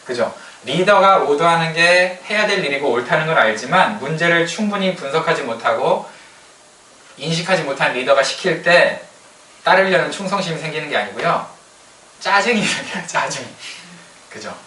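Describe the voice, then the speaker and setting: A man preaching a sermon as a pastor, in a lively, colloquial way, sometimes acting out what people say. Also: fairly high pitch, moderate pace. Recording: roomy hall sound, distant mic, faint ambience.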